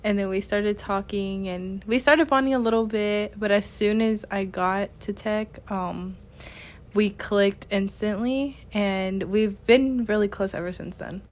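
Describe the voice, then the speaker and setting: A woman's voice: mid-range voice, steady tone, measured pace. A young college woman answering casually, with lots of filler words. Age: young adult. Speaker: interviewee.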